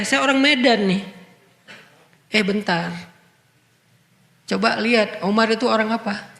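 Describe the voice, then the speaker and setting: A man's voice: very high voice, gravelly. Man preaching in an echoey hall. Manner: animated, quotes Arabic hadith then explains in casual speech. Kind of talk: Islamic sermon.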